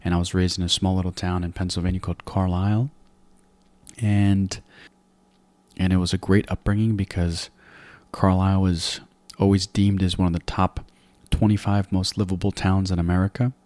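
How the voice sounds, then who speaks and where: A man in his forties from Afghanistan, a podcast guest giving measured, reflective interview answers into a close mic. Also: low voice, little pitch movement, a little mellow, no room sound.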